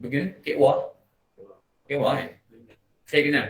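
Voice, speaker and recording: A man's voice: mid-range voice, normal speed. A man with a Malaysian Malay accent gives a morning religious lecture in a prayer hall, talking conversationally and often asking his listeners questions. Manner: conversational, asks the audience questions. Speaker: religious teacher.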